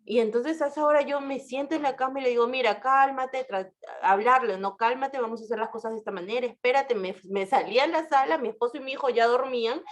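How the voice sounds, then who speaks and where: Woman, lawyer, casual anecdotal talk, fairly high voice, frequent tag questions. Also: fast. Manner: animated, shifts pitch for quoted speech.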